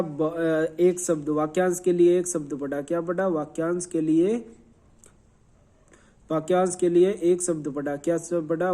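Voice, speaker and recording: High, mellow-voiced man drilling revision. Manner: repeats and quizzes, spells words letter by letter. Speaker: teacher. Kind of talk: quick revision lesson.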